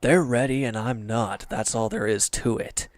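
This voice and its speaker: This intimate audio roleplay features a man as a villain's wounded and defeated henchman, bitter, defensive and despondent, with halting speech that sometimes falls to a near-whisper. His medium-pitched voice is close to how he'd normally talk, recorded dry, and the mood is defensive and irritable.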